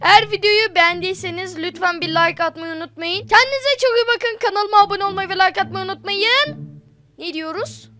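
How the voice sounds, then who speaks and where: A woman giving excitable, slangy running commentary while playing a game for her channel. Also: very high voice, a little fast, a crowd in the background. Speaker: gaming video host. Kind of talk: excited Roblox gameplay commentary.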